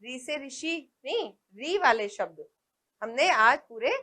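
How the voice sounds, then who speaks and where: In a primary school lesson, a woman speaks in a high, animated voice that sounds pushed and bright. She's patient, going slowly, posing questions, and pointing out examples in the book while she talks.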